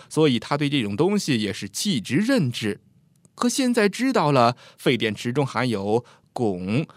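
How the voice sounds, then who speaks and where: A man narrating a scripted story with an expressive, lively delivery. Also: mid-range voice, no room sound, clean studio sound.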